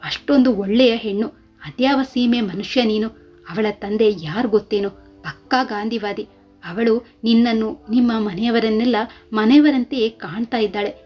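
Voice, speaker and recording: A woman's voice: fairly high pitch, moderate pace, a little mellow, faint music behind, lightly acted. A woman voicing a caring male friend who reassures and scolds plainly, in a storybook reading. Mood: scolding.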